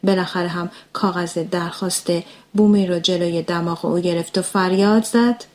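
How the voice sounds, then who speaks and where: A woman narrating a story aloud in calm audiobook style. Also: fairly low pitch.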